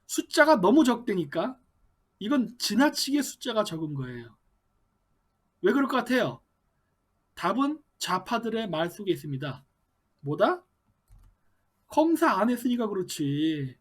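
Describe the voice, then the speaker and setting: A man's voice: high voice, big pitch swings, unhurried, pauses often. A man in his forties giving a political commentary monologue, emphatic and full of rhetorical questions.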